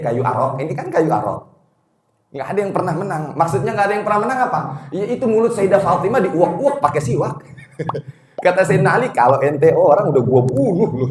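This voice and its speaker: A male Islamic teacher giving a study lecture to a congregation, telling stories in a lively, slangy way, chuckling and chanting Arabic quotations slowly. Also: mid-range voice. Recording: echoey room.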